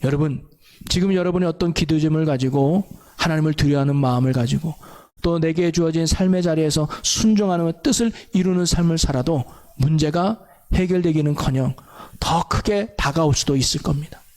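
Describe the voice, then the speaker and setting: A man preaches a sermon to his congregation in a somewhat high voice. He presses each point earnestly, stacking repeated phrases for emphasis and turning to rhetorical questions to draw the listeners in. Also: fairly quick, darkish tone. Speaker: pastor. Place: church.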